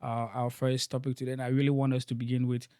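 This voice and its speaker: Halting, repetitive man hosting a talk. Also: medium pitch, monotone, warm tone, smooth, no room sound, studio quality. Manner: halting, repeats words with many fillers. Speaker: podcast host. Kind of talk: casual panel discussion. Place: in Germany.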